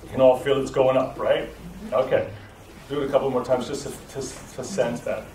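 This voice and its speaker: A man at a mid pitch gives a voice-training lecture to a class, explaining patiently and checking in with the room. He is picked up from a distance, so his voice rings in a roomy, echoing space with a faint hum underneath. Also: fairly even intonation, a little fast, darkish tone. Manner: explanatory, with frequent restarts and checking "right?". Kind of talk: live lecture to a group. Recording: echoey room recorded from a distance.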